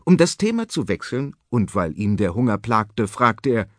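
A man narrating a children's story in a lively, expressive way. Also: on the low side, normal speed, no echo. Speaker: audiobook narrator. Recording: dry studio audiobook.

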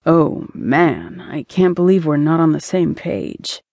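A man's voice: a little high, very animated, takes it slowly, creaky, darkish tone, no echo, heavily acted. A woman voicing a casual, commitment-shy young boyfriend in an audiobook, with a breezy, evasive way of talking.

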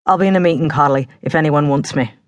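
A woman's voice: sits low, quick pace, dry recording, dull audio, lightly acted. A woman voicing a flirty, self-assured male pub licensee in his early thirties with a Cockney accent, overly familiar and chummy. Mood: chummy flirting.

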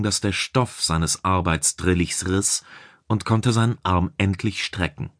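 A male audiobook narrator reading a science fiction story in a slow, measured way. His voice sits somewhat low. The recording is dry and close to the mic. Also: no room sound. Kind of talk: scripted narration.

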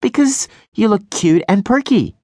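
Guy doing a bubbly teasing girl voice, way up high, bouncy. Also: expressive, measured pace, dark tone, no echo, studio quality. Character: playful, teasing young woman friend. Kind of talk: audiobook character voice.

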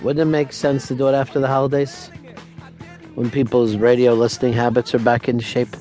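A man's voice: medium pitch, level tone, a little fast, warm tone, soft background music. A man hosting a talk radio show, trading sarcastic, profane jabs with his co-hosts in the studio. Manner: teasing, sarcastic, swears freely.

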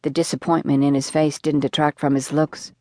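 A woman narrating a thriller audiobook in a steady, measured way. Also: sits low, no room sound, studio quality.

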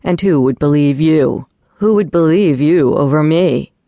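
A woman's voice: warm tone, no room sound. Woman voicing a somber vampire boss. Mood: commanding. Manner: slow, low and commanding. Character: brooding vampire billionaire boss, man, deep and somber.

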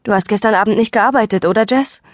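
A woman's voice: medium pitch, fast, no room sound, studio quality, voice pushed up, natural voice. A woman voicing a friendly, casual teenage farm boy in an audiobook.

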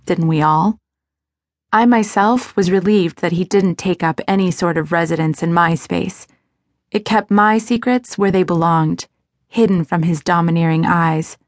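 A woman reading a first-person novel aloud as an audiobook narrator, in a measured, expressive way. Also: fairly low pitch, dry recording, studio quality.

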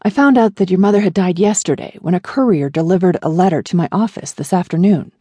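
A woman voicing an older male family attorney who speaks softly and consolingly in an audiobook. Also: fairly low pitch, fast, breathy edge, no echo. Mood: urgent. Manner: soft, consoling.

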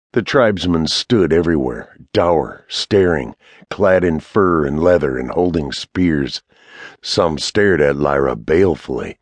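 Man, audiobook narrator, measured, low, husky, slow. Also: no room sound. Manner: measured, even storytelling. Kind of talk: scripted fantasy audiobook narration.

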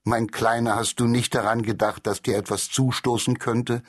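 A man's voice: mid-range voice, flat delivery, normal speed, slightly rough, close to an everyday voice. A man voicing an anxious, loving old grandmother hare who keeps warning her grandson. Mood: fretful. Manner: fretful, warning.

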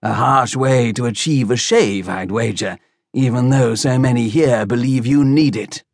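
A man voicing a calm, lightly teasing young man who talks a drunken friend down. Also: mid-range voice, measured pace, no room sound, clean studio sound. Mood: wry calming. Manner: smooth, reasoning, lightly teasing. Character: calm, wry young man soothing a brawler.

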